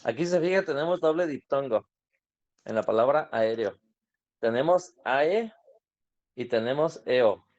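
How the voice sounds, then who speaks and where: A man teaches an online grammar class. He explains patiently at a middle pitch and stops to ask his students questions. The audio is dull and lo-fi, like a streamed lesson. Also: animated, measured pace, long pauses, a little mellow.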